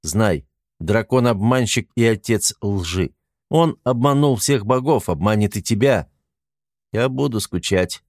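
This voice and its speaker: A man reading an audiobook, voicing a calm male angel who speaks in measured, sorrowful reproach. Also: fairly low pitch, no echo, clean studio sound.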